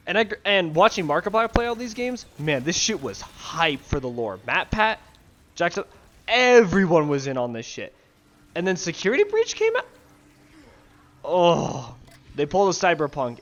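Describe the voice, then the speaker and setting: Young male gaming ranter, slightly high voice, crude and sarcastic, rambling delivery, headset mic at home. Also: fairly bright tone. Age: young adult. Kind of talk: casual rant to camera. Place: bedroom.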